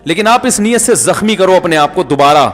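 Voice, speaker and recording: A man's voice: high-pitched, lively intonation, soft background music. A middle-aged man with a Pakistani Urdu accent giving a conversational sermon, telling jokey anecdotes and acting out the dialogue. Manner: jokey storytelling, acts out dialogue. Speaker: Islamic preacher. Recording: long hall reverb.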